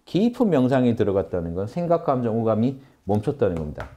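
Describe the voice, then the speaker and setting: A man's voice: mid-range voice, sing-song, quick pace, mellow, slight background noise. A man giving an earnest spiritual lecture on meditation, explaining and addressing his audience directly. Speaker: meditation teacher.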